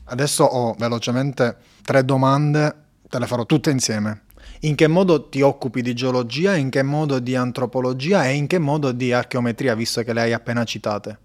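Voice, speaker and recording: Man calmly asking interview questions. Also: medium pitch, normal speed. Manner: polite, structured questioning. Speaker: host, interviewer.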